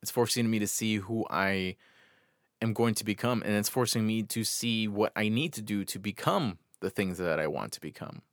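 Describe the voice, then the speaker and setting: An American man with a fairly low voice delivers a reflective solo podcast monologue. He sounds close and dry, recorded in a small closet. His delivery is earnest and halting, with pauses between short phrases. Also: no echo. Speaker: podcast host.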